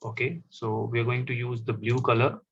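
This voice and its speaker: A man teaching a class, explaining step by step and often pausing with fillers. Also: mid-range voice, level tone, fairly bright tone, husky. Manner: slow, stop-start explaining with fillers. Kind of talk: classroom map lesson. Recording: dull, slightly lo-fi audio.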